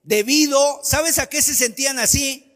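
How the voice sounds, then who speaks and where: A man's voice: very high voice, unhurried, fairly bright tone, long reverb tail. A man preaching a sermon, emphatic, asking many rhetorical questions and acting out the voices he quotes.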